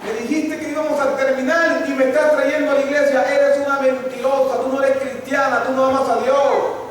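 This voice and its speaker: A man's voice: very high voice, little pitch movement, moderate pace, a little hiss or hum, pitched above the performer's own voice. A preacher doing a furious young man. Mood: angry. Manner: accusing, shouting. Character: angry young man berating his mother. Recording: echoey church hall from far off.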